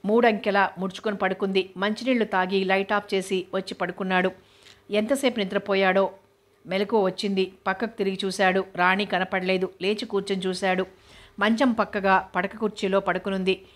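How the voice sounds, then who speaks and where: A woman reading a novel aloud, narrating in a steady, even way. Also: medium pitch, fairly quick. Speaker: novel reader.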